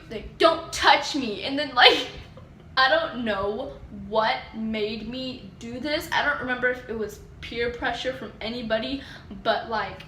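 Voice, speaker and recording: A teenage girl chats through a storytime vlog, filling her lines with "like" and snapping into sassy voices for quotes. Her voice is bright and a little high. The camera mic picks up an echoey room with faint background hum. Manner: chatty, lots of "like", acts out quotes with sass. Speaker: storytime vlogger.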